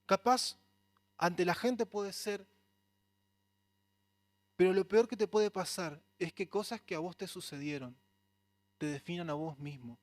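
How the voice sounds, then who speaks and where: A man's voice: high-pitched, unhurried, pauses often, no echo. A man preaching a sermon in a Rioplatense accent, earnest and conversational. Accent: Rioplatense Spanish. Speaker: pastor.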